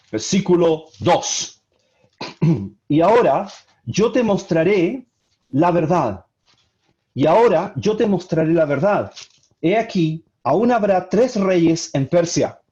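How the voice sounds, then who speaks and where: A man's voice: sits high, darkish tone. A man leading a Bible study, explaining scripture in an earnest way and often repeating or restarting his phrases. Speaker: Bible teacher. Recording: dull lo-fi audio.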